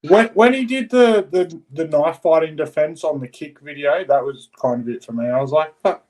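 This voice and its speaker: Higher-voiced, blunt Antipodean man chatting. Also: normal speed, darkish tone, rough recording. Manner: blunt, sweary. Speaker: livestream guest. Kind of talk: casual chat.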